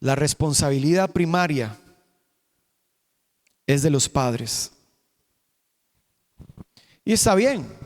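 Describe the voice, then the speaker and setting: Male pastor, high voice, emphatic sermon with rhetorical questions, long reverb of a church hall. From Costa Rica. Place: church sanctuary.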